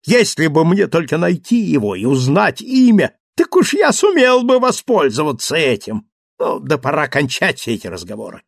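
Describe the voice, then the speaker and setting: A man's voice: fairly high pitch, very animated, normal speed, vocal fry, no echo, studio quality, heavily acted. A man voicing a greedy, vicious middle-aged innkeeper villain, gloating and snarling in an audiobook reading. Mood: ranting.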